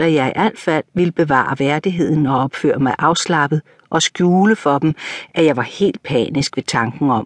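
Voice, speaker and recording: A woman narrates a novel in the first person, measured and composed. Her voice sits a little low, and the audiobook recording is dry and close. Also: dry recording.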